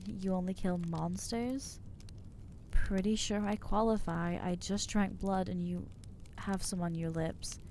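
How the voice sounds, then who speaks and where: In an ASMR audio roleplay, a woman voices an anxious young female vampire who loathes herself, speaking hesitantly, putting herself down, and letting her words trail off. Her voice is medium-pitched, steady, warm, and a little slow, close to everyday speech, with a faint hiss or hum in the background.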